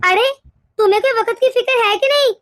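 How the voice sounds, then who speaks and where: A shrill, scolding cartoon mother-in-law, voiced by a woman, quick to take offence and pity herself. Her voice sits very high, and the sound is close and dry with no room around it. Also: a bit bright, no echo. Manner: shrill complaining taunts. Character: scolding middle-aged mother-in-law, short-tempered and self-pitying. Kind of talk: animated cartoon dialogue.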